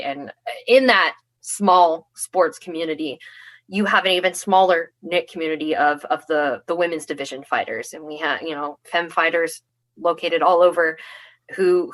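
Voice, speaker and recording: A young adult woman from the United States speaks in a fairly low voice. She is a guest on a casual podcast, upbeat and chatty, often restarting her sentences. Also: fairly bright tone. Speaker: guest, armored combat athlete. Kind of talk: casual interview.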